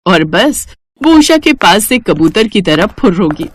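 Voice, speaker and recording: Female narrator, lively storytelling, dry close mic. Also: mid-range voice, unhurried, dry recording. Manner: expressive, storytelling.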